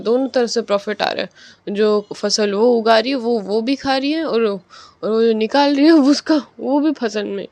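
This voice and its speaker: A man tutoring through a textbook chapter in a relaxed, chatty way, drawing out the headings and then explaining them with everyday examples. His voice has a gravelly edge. The sound is dry and close, with no room around it. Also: very high voice, dry recording. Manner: reads headings slowly, explains with homely examples, corrects himself. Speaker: teacher. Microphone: own microphone, adjusted while talking.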